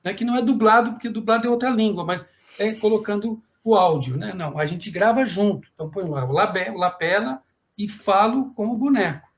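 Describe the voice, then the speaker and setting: A man's voice: sits high, fairly quick. A middle-aged man, a puppeteer and voice actor, telling anecdotes on a panel and acting out the voices of people he quotes. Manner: lively storyteller who acts out quoted voices, frequent "né?".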